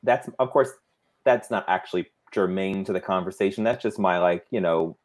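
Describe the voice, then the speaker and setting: Low-voiced man telling measured anecdotes. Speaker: guest author. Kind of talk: casual online interview chat.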